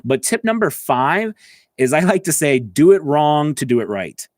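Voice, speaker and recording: A voice-over coach who also works as a voice actor gives an informal lesson to camera from an indoor editing station, explaining things conversationally and often checking in with the listener. His voice sits a little high with big pitch swings at normal speed, and the sound is clean studio audio with no echo.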